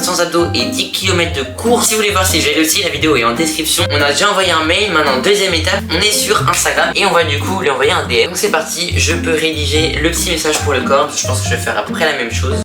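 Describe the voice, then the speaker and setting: Very fast-talking young-sounding male vlogger with braces. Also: on the high side. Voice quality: speaking with dental braces. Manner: chatty, informal. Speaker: YouTube vlogger, host. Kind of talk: casual challenge vlog narration to camera. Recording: roomy sound under loud music.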